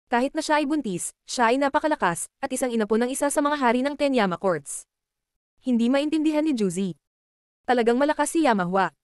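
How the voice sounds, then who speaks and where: A woman narrating a martial-arts web novel chapter aloud, reading rapidly and evenly. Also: sits high, clear, resonant tone, no room sound, clean studio sound. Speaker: audiobook narrator.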